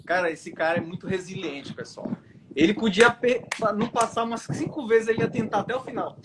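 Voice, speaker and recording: A man's voice: high voice, brisk, noisy background. A man with a Brazilian accent hosting a casual live interview, asking informal, probing questions. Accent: Brazilian Portuguese. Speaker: host.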